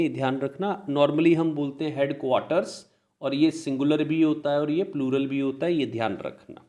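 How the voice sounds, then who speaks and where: A man with an Indian English accent teaching a grammar lesson, explaining in Hindi, reading example sentences slowly and answering his own questions. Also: on the high side, darkish tone.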